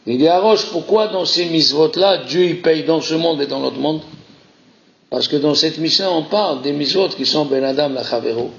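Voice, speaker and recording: A man teaches a Torah class in an animated, insistent way, circling back to repeat his key phrases. His voice sits a bit high. The recording is muffled and lo-fi. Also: moderate pace, creaky. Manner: animated, repeats key phrases, mixes Hebrew terms into French. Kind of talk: Torah lesson.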